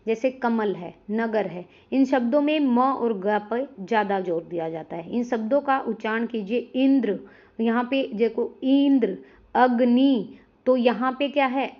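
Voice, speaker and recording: A woman teaching a grammar lesson online, explaining step by step and talking straight to her viewers. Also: a little high. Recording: dull lo-fi recording.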